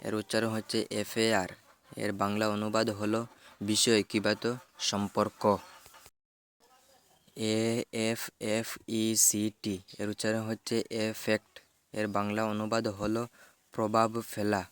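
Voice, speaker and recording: A man works through a vocabulary list, spelling each word letter by letter before giving its meaning. His voice sits low and stays almost completely flat, with no rise or fall. He moves slowly and deliberately, like a patient drill. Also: clean tone, no room sound. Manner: slow, even, measured spelling out of letters. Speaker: vocabulary teacher. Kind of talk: spelling out English words and reading Bengali meanings.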